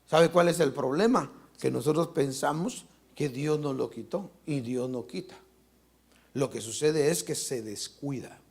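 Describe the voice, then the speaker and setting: A man's voice: mid-range voice, unhurried, creaky, a little mellow, slightly rough. A man preaching a fervent sermon as pastor at a live church service, often asking the congregation rhetorical questions.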